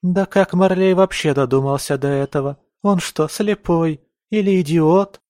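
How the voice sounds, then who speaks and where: A man voicing a spoiled young noblewoman, whiny and hysterical, shouting through tears. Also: fairly high pitch, unhurried, no room sound, clean studio sound, voice pushed up, lightly acted. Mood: raging.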